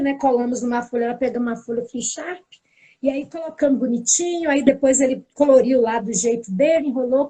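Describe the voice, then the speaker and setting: In a casual spoken anecdote, a woman with a high voice brings the story to life by acting out its dialogue. She is a teacher and pedagogical coordinator.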